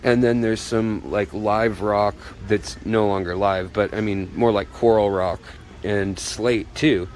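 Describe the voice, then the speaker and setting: In this casual shop-tour vlog, the host strolls through a pet shop showing viewers around, his voice slightly dampened by a face mask. He speaks at a measured pace with fairly even intonation and a fairly low, darkish tone, while store sounds come through clearly behind him.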